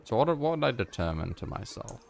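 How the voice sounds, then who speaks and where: A man's voice: medium pitch, very animated, quick pace, vocal fry. A man giving casual, mumbling commentary while playing a video game, with self-deprecating asides. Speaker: gamer.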